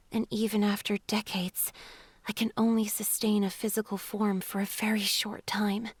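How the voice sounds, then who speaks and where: A woman voicing a gentle, shy water spirit in a video game, speaking softly and hesitantly. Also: medium pitch, a little hiss or hum, close to an everyday voice. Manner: soft, hesitant, breathy at times.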